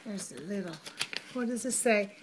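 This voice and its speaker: A middle-aged woman, chatting warmly through an unboxing, gushing over each item and calling viewers y'all. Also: mid-range voice, expressive, moderate pace. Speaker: vlogger unboxing a mail order. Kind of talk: casual unboxing chat. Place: home. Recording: noisy home recording with crinkling packaging.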